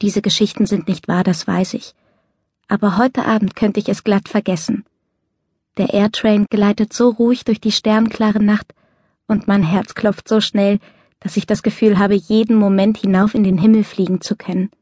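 A woman narrating a novel in the first person, in soft, measured storytelling. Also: mid-range voice, flat delivery, no echo, clean studio sound. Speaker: audiobook narrator.

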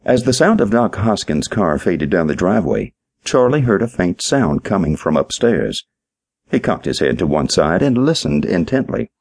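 A man narrating a short story in an audiobook, reading in a measured storytelling manner. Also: low-pitched, very animated, darkish tone, breathy edge, no room sound, studio quality. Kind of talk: scripted narration.

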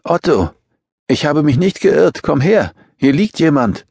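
A man's voice: medium pitch, animated, a little fast, vocal fry, warm tone, breathy edge, dry recording, pitched above the performer's own voice. A man voicing an alarmed, caring woman who asks anxious, urgent questions.

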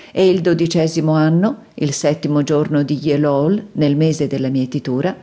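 A woman narrating a poetic audiobook in a calm, measured way. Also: low voice. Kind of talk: scripted literary narration.

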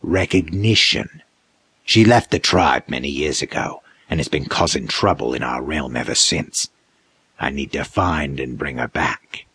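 A man doing a slow, menacing low monster. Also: fairly bright tone, husky, exaggerated voice. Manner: slow, low, threatening growl. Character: towering male monster, menacing interrogator.

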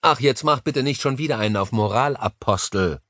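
A man's voice: mid-range voice, fairly quick, a bit bright, no echo, studio quality, close to an everyday voice. A male narrator voicing a nervous, cynical male business partner talking on the phone in an audiobook. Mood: tense, cynical.

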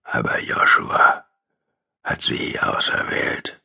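A man voicing a dying burn victim in an audiobook, speaking low, hushed and breathy. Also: very animated, extremely slow, heavily acted. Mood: whispering. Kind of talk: audiobook dialogue reading.

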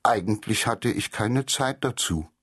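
A man's voice: fairly low pitch, a little slow, fairly bright tone, breathy edge. A man voicing a small, timid boy hare who finds his courage in a children's story. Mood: modest.

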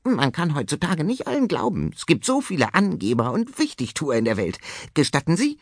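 A man voicing a brash, boastful male tomcat who talks fast and pushy in a storybook. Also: on the high side, huge pitch swings, no room sound, pitched above the performer's own voice, exaggerated voice. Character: brash male tomcat film director, cocky hustler. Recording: dry studio audiobook.

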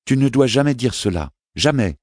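A man voicing a queenly mother who speaks gently and reassuringly, with a fierce edge underneath. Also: sits low, moderate pace, dry recording, clean studio sound, pitched above the performer's own voice. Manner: gentle, reassuring, flaring sharply.

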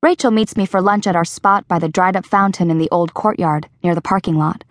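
Woman reading a novel aloud, calm and steady, dry studio mic. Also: lowish voice, brisk, dry recording. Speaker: audiobook narrator. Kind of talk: first-person scripted narration.

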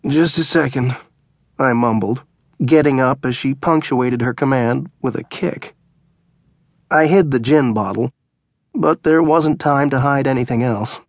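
A man audiobook narrator telling a story in the first person, in a wry, low-key way. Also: a little slow, no room sound, studio quality.

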